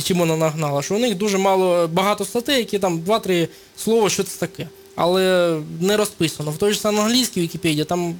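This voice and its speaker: A man speaking as a guest on a radio show, explaining things at length with many hesitations. His voice sits somewhat high. A faint hum runs underneath. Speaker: studio guest. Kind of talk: radio interview.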